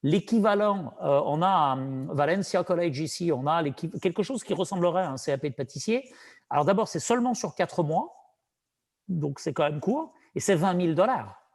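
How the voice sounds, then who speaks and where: A man with a strong Saint-Étienne French accent, a business broker giving earnest advice in a relaxed conversation. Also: fairly high pitch, normal speed. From France. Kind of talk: casual conversation.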